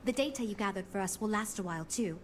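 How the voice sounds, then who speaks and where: An actress playing an earnest, diplomatic woman who leads a design team, speaking in a measured, businesslike way in a video game. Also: medium pitch, a little hiss or hum, natural voice. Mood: cautiously hopeful. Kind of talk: scripted game dialogue.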